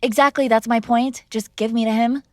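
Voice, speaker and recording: A young woman performs a scripted ASMR girlfriend roleplay as a defiant, sarcastic mob boss's daughter arguing with her father. Her voice is on the high side, fairly even in intonation and moderate in pace. The studio sound is clean, with no room sound.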